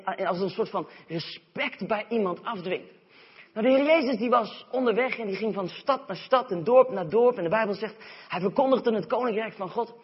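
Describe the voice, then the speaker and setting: A Dutch man preaches a sermon, telling the story vividly and acting out the voices. His voice is high and husky. The sound is dull, with a long hall reverb.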